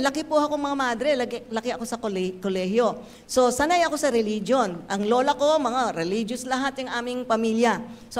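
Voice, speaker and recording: Animated older woman, high voice. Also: long reverb tail. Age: 70s. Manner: animated, playful storytelling with acted dialogue. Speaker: church speaker giving testimony. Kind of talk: sermon testimony.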